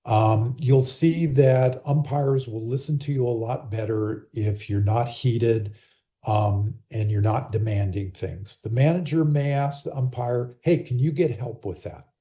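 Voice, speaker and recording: A man with a very dark, mellow voice explains umpiring rules to managers and coaches in a steady, patient tone. He speaks over a laptop microphone on a video call and now and then acts out how a coach and an umpire might talk. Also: medium pitch, a little slow. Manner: calm, explanatory, acts out sample dialogue. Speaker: umpire and rules clinic presenter. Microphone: computer or laptop mic on a video call.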